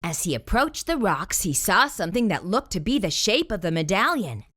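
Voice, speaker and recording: Here a woman brings a children's picture book to life, reading it with lively, theatrical emphasis. She speaks at a medium pitch and a moderate pace.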